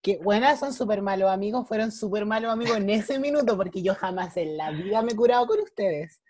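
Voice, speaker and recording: A young woman with a Chilean accent talks with friends in a blunt, teasing way, full of slang. Her pitch is average. The recording is dry and close, with no room sound. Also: brisk, darkish tone, no room sound. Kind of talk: casual chat.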